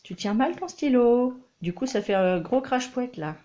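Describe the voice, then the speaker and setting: Mother-teacher, gentle and instructive, talking slowly, low-fi home audio. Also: expressive, lo-fi sound. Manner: patient, coaxing, instructive. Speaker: homeschooling mother. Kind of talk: reading lesson with a child.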